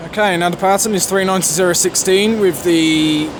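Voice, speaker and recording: A man's voice: high-pitched, steady tone, fairly quick. A man giving casual, off-the-cuff train commentary with grumbling, sarcastic asides. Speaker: trainspotting video maker. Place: large railway station concourse or platform. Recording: noisy railway station ambience.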